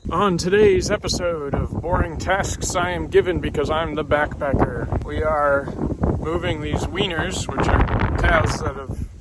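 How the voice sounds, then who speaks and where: A man's voice: fairly high pitch, steady tone, measured pace. A young man on a backpacking trip, narrating a casual vlog from a cattle station in a laid-back, dry, self-mocking way. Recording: loud wind noise outdoors. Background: strong wind.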